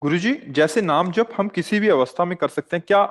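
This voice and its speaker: A man's voice: sits high, fairly quick. Deferential man asking a guru questions. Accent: North Indian Hindi. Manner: polite, deferential. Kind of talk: respectful question.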